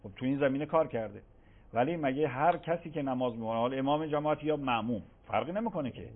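A man, a cleric, answering religious questions on a radio call-in show, emphatic and given to repeating himself. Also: mid-range voice. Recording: phone-like radio broadcast.

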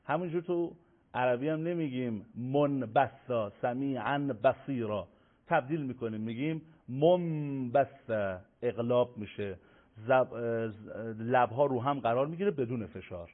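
A man teaching Quran recitation rules on a broadcast, drawing out example words in slow sung demonstrations. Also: medium pitch. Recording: narrow phone-like broadcast audio.

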